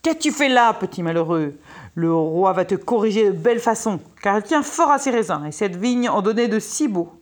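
Old storybook gardener, male, harsh, jealous, loud scolder; woman reads him. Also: medium pitch, expressive, normal speed, lightly acted. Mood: scolding.

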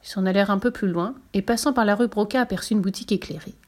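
A woman narrating a children's tale in a measured, expressive reading voice. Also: mid-range voice. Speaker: storyteller.

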